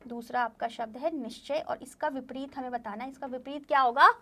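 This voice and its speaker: A woman's voice: sits high, steady tone, brisk, sharp tone. A young woman teaching a class of young children, patient and repetitive, often asking them questions. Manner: patient, repeats herself, asks the children questions. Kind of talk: online class lesson.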